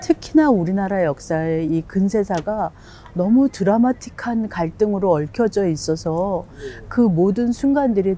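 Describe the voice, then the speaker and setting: A woman's voice: mid-range voice, dark tone, slight background noise. An older woman who heads a theater company, speaking reflectively in a documentary interview. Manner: reflective, measured, with pauses. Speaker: playwright and theater company head.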